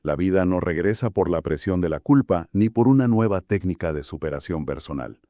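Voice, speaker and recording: Deep-voiced man, measured. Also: lively intonation, warm tone, no room sound, clean studio sound. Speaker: podcast co-host. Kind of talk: scripted conversational Bible study podcast.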